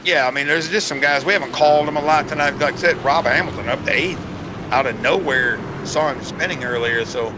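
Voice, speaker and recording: A man's voice: on the high side, a little fast, noisy background. A man giving casual, joking color commentary on a sim race.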